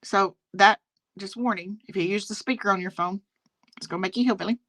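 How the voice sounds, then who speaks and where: Fairly quick and a bit bright, this woman's mid-range voice carries a Southern American accent as she hosts a casual live stream about drama. She gets emphatic and repeats phrases to drive points home. She's captured on a phone on speakerphone.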